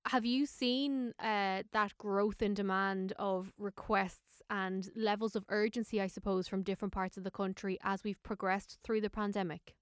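A woman's voice: medium pitch, fairly even intonation, moderate pace, hardly any pauses, clean tone, no echo, studio quality. A woman interviewer putting questions in a conversational style.

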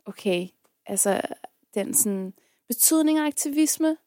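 A woman's voice: a little high, lively intonation, dark tone, no echo, studio quality. Hesitant, candid woman guest. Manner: hesitant, searching for words; candid, swears casually. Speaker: guest, activist. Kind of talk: casual conversation.

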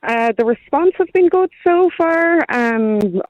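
A woman's voice: high voice, animated, slow pace, no echo. An earnest woman explains things as a campaigner in a radio phone interview. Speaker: public transport campaigner, phone-in guest. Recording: tinny, dry phone line.

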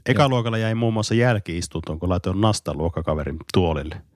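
A man with a deep voice co-hosts a casual podcast. He is recorded dry and close. He reminisces thoughtfully and laughs easily. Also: no room sound. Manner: reflective storyteller, laughs easily. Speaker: podcast co-host, teacher.

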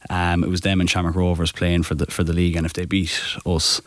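A man's voice: deep voice, little pitch movement, fast, no echo. A young Irish man, a goalkeeper guest on a podcast, tells rambling stories in casual chat, often correcting himself and laughing. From Ireland.

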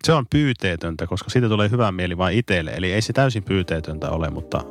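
A man's voice: deep voice, animated. A man co-hosting a podcast in casual chat, wry and ironic in his remarks. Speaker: podcast co-host.

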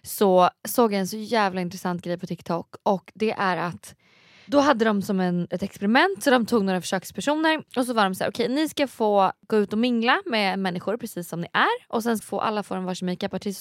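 A woman co-hosts a relaxed podcast chat. She keeps reacting with short exclamations and recounts stories in a conversational way. The sound is dry and close. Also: medium pitch, no room sound. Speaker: podcast co-host. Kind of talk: casual chat.

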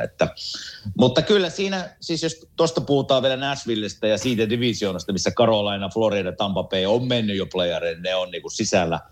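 Relaxed low-voiced man talking hockey. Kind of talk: casual sports chat.

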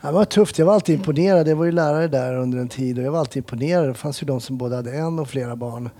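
A man from Sweden interviewing a guest, calmly prompting her with questions and short backchannels. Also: mid-range voice. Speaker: interviewer, former police school teacher. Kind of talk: casual conversational interview.

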